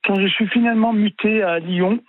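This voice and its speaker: A man in his sixties speaks on a tinny, dry phone line, and his voice sits high for a man. He tells his story haltingly, stalling and repeating words as he goes. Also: no echo. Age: 60s. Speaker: caller. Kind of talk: telling his life story on a call-in show.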